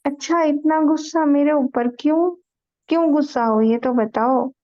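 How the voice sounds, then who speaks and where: A woman's voice: high voice, normal speed, dark tone, highs cut off, natural voice. A woman voicing a loving mother goddess in a spiritual story, speaking in a coaxing, affectionate way. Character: loving divine mother goddess, tender and playful.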